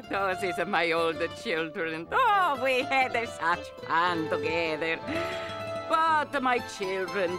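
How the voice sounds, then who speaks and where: Fussy old Italian mamma. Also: female voice, fairly high pitch, full character voice. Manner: fussing, scolding, broken English. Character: doting old Italian woman, bossy mother type. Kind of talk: cartoon voice acting. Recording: music behind.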